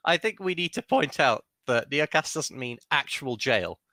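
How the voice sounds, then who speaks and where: London male co-host, animated and bright, dry close-mic sound, joking banter. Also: mid-range voice, moderate pace, no echo. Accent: London English. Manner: laughs often, teasing banter. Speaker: podcast co-host. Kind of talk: casual chat.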